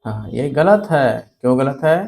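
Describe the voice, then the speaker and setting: A man teaching a spelling lesson, asking questions and answering them himself, repeating key words slowly. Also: medium pitch, expressive, creaky, a little mellow. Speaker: Hindi grammar teacher.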